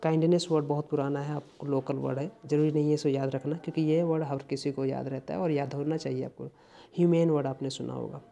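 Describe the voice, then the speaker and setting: A man's voice: fairly high pitch, fairly even intonation, quick pace, gravelly, dark tone. A man teaching vocabulary, explaining patiently and repeating each word to drill its pronunciation.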